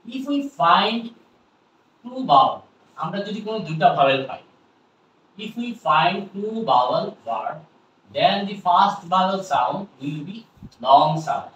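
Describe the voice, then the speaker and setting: A man's voice: high-pitched, expressive, fairly bright tone, dull audio. A man with a Bangladeshi accent teaching English pronunciation, repeating words many times and asking his viewers questions. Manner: slow, repetitive drilling with frequent questions to viewers. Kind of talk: pronunciation lesson. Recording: roomy sound from a distant mic with faint noise.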